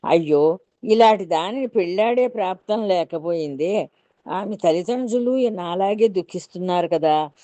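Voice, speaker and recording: A woman's voice: on the low side, expressive, normal speed, mellow, dry recording, lightly acted. Woman doing a doomed young thief, musing and sorrowful, storybook read, dry. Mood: grieving. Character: condemned young male thief, wondering then grieving.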